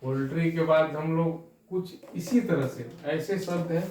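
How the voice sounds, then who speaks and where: A male English teacher gives a spelling lesson, slowly spelling each word out letter by letter. His voice sits a little high and sounds distant in an echoey room, with faint noise behind him. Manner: frequent "theek hai na" check-ins.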